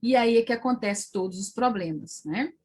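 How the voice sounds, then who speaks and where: A woman's voice: fairly high pitch, normal speed, darkish tone, breathy edge. A woman with a Brazilian Portuguese accent explaining early literacy methods to teachers, checking in often with tag questions. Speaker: teacher trainer.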